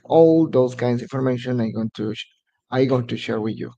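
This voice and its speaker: An immigration advisor from Mexico, a native Spanish speaker with a Mexican accent, walks through immigration steps on a live stream. His English is halting and full of fillers, delivered in a gravelly, mellow, medium-pitched voice.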